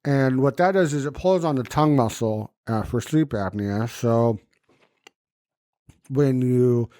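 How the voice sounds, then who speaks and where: A man's voice: mid-range voice, measured pace, dark tone, no echo. Casual male podcaster with swollen lip and splinted mouth, muffled diction, informal and sweary, dry recording. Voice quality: impeded, muffled articulation from a swollen numb lip and dental splints. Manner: loose, informal, frequent cursing. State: puffy swollen lip and banded jaw after surgery. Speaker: podcast host. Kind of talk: casual chat, recounting a personal experience.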